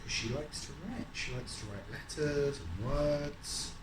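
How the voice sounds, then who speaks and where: Reading a picture book aloud to a small child, this adult uses a mid-range voice at a measured pace. They encourage the child, ask guiding questions, confirm the answers, and stretch out lines of the story. It's recorded in an echoey room at home, with roomy reverb and a bit of background noise.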